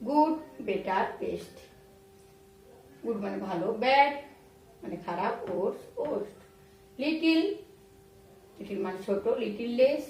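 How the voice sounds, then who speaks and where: A woman teaching English grammar in Bengali, spelling out words letter by letter and repeating examples slowly. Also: fairly high pitch, a little mellow, recorded from a distance. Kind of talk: explaining grammar rules to students. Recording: very echoey room, voice off-mic.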